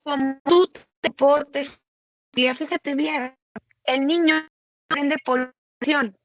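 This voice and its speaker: A woman talks through a webinar lesson at a very deliberate, slow pace. Her voice sits a little high and she keeps checking in with a casual "¿sale?". The sound is dry and slightly muffled, like a computer mic on a video call. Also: steady tone, dry recording. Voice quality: frequent rhetorical "¿sale?". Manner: slow, explanatory and conversational. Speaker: webinar presenter for tutors. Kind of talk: webinar lecture.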